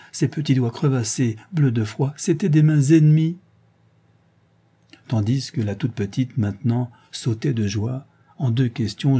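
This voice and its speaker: A man from Alsace reading a literary story aloud in a measured, expressive way. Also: medium pitch, husky. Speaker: reader. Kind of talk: literary audiobook narration.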